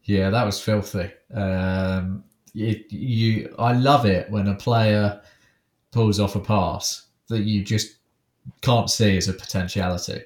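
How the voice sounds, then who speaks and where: A man's voice: fairly low pitch, fairly even intonation, slow, reverberant. A man co-hosting a podcast, enthusiastic but hesitant, with lots of fillers. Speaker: podcast co-host. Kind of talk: casual podcast chat.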